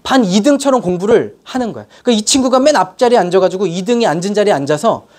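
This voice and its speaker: A woman's voice: mid-range voice, fast talker. A woman lecturing at a sales seminar, telling stories and questioning the audience. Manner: animated storytelling, questions to the audience.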